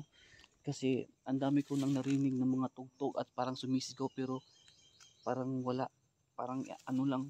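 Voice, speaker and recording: High-voiced man narrating a suspenseful vlog. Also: darkish tone. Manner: speaks directly to viewers, suspenseful and wary. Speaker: ghost hunter vlogger. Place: forest outdoors.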